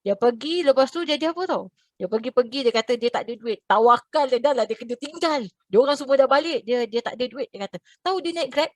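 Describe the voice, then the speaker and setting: A woman from Malaysia, a religious teacher, telling a story to her class over a video call in a lively, expressive way. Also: fast talker, dry recording. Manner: animated, expressive, swings in pitch and loudness.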